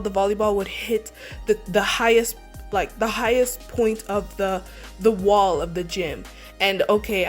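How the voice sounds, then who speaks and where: A young woman, a beauty vlogger, telling a story in a casual, rambling way, filling it with "like" and restarts. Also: medium pitch. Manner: rambling, heavy use of 'like', many restarts. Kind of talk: casual storytime while doing makeup.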